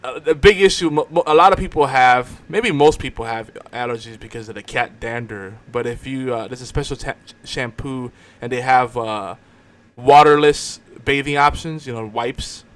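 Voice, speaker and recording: Hosting a casual live online show, this man banters at a moderate pace in a mid-range, slightly bright voice. His talk rambles, with repeated words and frequent restarts.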